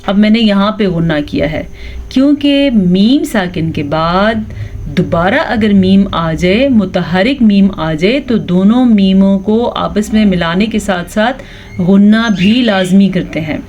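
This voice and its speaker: A patient woman teacher with a mid-pitched voice and a Pakistani Urdu accent leads a tajweed lesson. She explains each rule in a steady classroom tone, then stretches the example words out slowly. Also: dull audio, slight background noise. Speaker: Quran recitation teacher.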